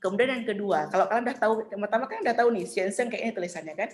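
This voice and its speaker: A middle-aged woman teaching Mandarin in an online class, chatty and patient, saying tones slowly for students to copy. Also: medium pitch, lively intonation.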